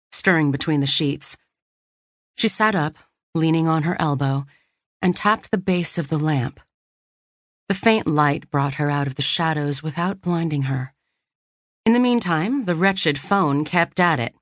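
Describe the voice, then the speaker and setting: A woman narrating a novel in measured audiobook storytelling on a close studio mic. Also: low-pitched, no echo.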